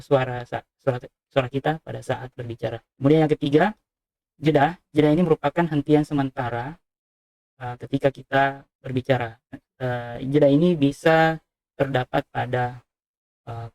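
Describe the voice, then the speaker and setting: A man's voice: medium pitch, creaky, darkish tone, no room sound. A man giving a university lecture, explaining step by step with frequent "eh" fillers. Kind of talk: recorded lecture on speech sounds.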